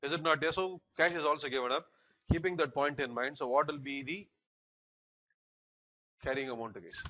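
Bright and forceful, a little high and brisk, this middle-aged man's voice carries a Tamil South Indian accent. He teaches accountancy, lecturing, dictating notes and frequently quizzing the class briefly. Keyboard clicks sound through a muffled, slightly noisy recording.

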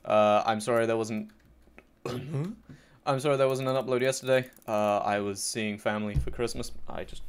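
A man's voice: mid-range voice, fairly even intonation, moderate pace, clean tone. A man giving sarcastic, mock-boastful commentary over his own gameplay as a YouTuber, joking at his own expense. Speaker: gaming YouTuber. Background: faint keyboard and mouse clicks.

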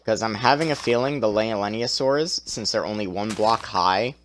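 Casual gameplay commentary comes from a young man streaming, his chatty talk full of self-deprecation. The voice is lowish, tired and strained, delivered at a moderate pace, with a little hiss or hum in the recording.

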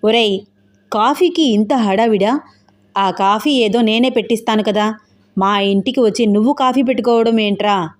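A woman's voice: a little high, normal speed, lightly acted. A woman voicing an easygoing, dismissive male friend in an audio novel, talking in a chatty, offhand way. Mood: casual.

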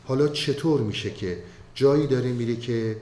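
A man giving a spoken commentary on classical poetry, reciting verses in a slow chanted way between casual explanations. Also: medium pitch, warm tone. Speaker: Masnavi commentator. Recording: echoey room with faint ambient noise.

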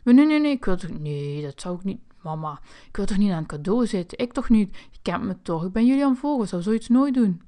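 A woman voicing a curious, mischievous young boy in a toy figure play video, excitable and whining. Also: a little high, a little fast, hardly any pauses, lightly acted.

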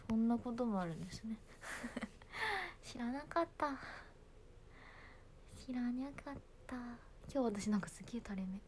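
A woman's voice: fairly high pitch, animated, measured pace, long pauses, a little hiss or hum. A young woman, chatting casually and giggling on a phone livestream. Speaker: idol livestreaming to fans.

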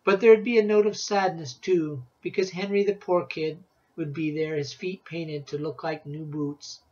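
A parent reads a humorous story aloud for their children, expressive and quick to act out the lines. The voice sits at a middle pitch. The recording is dull and lo-fi, made at home. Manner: expressive, acts out shouts and dialogue. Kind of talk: storybook reading.

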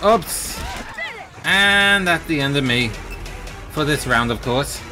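A gaming channel host casually narrates his own play of a fighting game, poking fun at himself and exclaiming in surprise at every turn. His voice sits on the high side, with lively intonation and a slow pace. Game music plays in the background.

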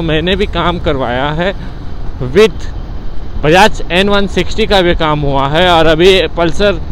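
A young man, chatting excitably as he vlogs his motorbike ride and a roadside bike workshop, dropping English words in. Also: on the high side, poor audio. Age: young adult. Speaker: motovlogger. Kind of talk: casual vlog commentary while riding. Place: city streets and roadside bike workshop, outdoors. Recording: faint street and traffic noise.

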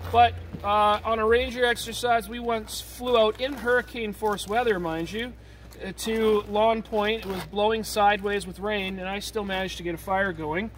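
Casual male teacher, fairly high voice, recorded from a distance outdoors with clear traffic noise behind him. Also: a bit bright. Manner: casual, checks in with "okay?", chatty asides. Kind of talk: hands-on outdoor survival demonstration.

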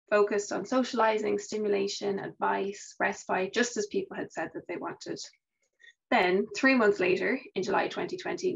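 A woman's voice: mid-range voice, gravelly. Woman presenting over a video call. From Ireland. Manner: warm conversational presenting with fillers. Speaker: research and policy manager presenting. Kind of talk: online conference presentation. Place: home office, indoors. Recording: muffled video call audio.

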